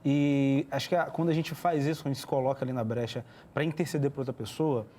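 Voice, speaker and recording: A man's voice: mid-range voice, fairly even intonation, quick pace, mellow, a little hiss or hum. A man hosting a casual devotional podcast, talking in an earnest, reflective way with hesitant restarts. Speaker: podcast host.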